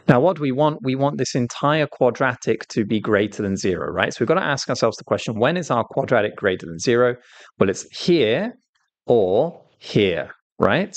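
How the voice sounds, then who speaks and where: A male math tutor with a lowish voice works through an exam paper step by step. He explains patiently, often checking in with "right?" as he goes. The sound is close and dry, with no room around it. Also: dry recording. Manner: stresses key points with "right?". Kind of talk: exam walkthrough lesson.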